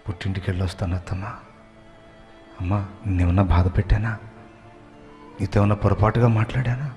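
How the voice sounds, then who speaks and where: A man voicing a guilt-ridden young daughter-in-law, pleading quickly and quietly. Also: lowish voice, dull audio, soft background music, close to an everyday voice.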